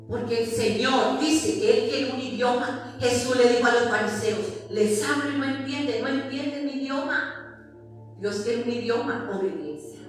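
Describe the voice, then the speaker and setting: Colombian woman preaching, emphatic, lots of questions to the church, far off mic in a big echoey hall. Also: on the high side. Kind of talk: sermon. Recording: echoey hall, picked up from a distance, with faint music.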